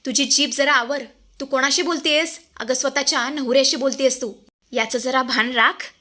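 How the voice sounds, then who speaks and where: A woman's voice: sits high, steady tone, normal speed, pushed and bright. A woman voicing a stern, scolding older mother-in-law.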